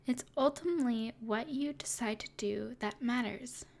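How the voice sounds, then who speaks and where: In an intimate ASMR roleplay, a woman plays a smug, teasing evil sorceress with a haughty, mysterious air and a breathy edge. Her voice is on the high side, at a moderate pace.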